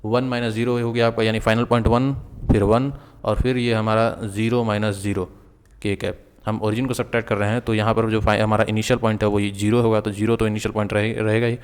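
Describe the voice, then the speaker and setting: A man's voice: on the low side, little pitch movement, quick pace, smooth, big-room sound. A man teaching a physics lesson online, explaining step by step, mixing English into Hindi and often checking that viewers follow. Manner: mixes English terms and sentences into Hindi. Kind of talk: online lecture.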